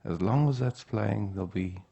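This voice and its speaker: A man giving an unhurried spiritual teaching talk at a retreat. He often checks in with the room by asking "yeah?". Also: fairly low pitch, vocal fry, mellow, lo-fi sound.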